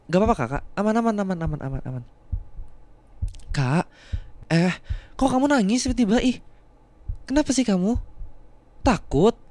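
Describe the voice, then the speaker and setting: A young man voicing a younger male student, a rough former bully who has become a protective boyfriend, in an ASMR role-play. He repeats short words again and again to coax and calm. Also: high voice, moderate pace, pauses often, no room sound. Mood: worried. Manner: repeats words to soothe, coaxing and reassuring. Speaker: voice actor.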